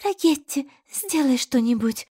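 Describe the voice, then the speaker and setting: A woman voicing a fretful female cat in an audiobook, with a high, lively, pleading delivery. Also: normal speed, dry recording, studio quality, close to an everyday voice. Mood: worried.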